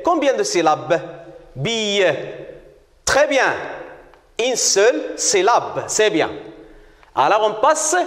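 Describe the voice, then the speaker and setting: Slow, lively-pitched male teacher in an echoey room. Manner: slow, repeats words and praises often. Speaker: primary school teacher. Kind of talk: slow classroom reading lesson. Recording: roomy echo with long reverb.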